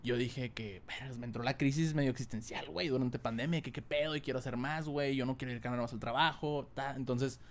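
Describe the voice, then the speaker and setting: A man's voice: mid-range voice, steady tone. A man from Monterrey with a northern Mexican accent, chatting casually as a podcast guest, slangy and full of filler words. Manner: fast, slangy, fills every phrase with filler words. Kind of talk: casual chat.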